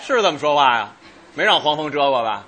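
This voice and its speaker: A man performing Chinese crosstalk comedy on stage, clowning and breaking into loud acted bits. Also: a little high, very animated, fast talker, a faint crowd. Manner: clowning, bursts into loud put-on shouting bits. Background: audience laughter.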